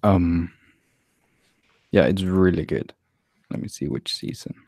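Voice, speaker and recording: A man's voice: sits low, takes it slowly, creaky, a little mellow, no room sound, studio quality. A young man in casual podcast chat, laid-back and hesitant, trailing off with fillers. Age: young adult. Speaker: podcast co-host.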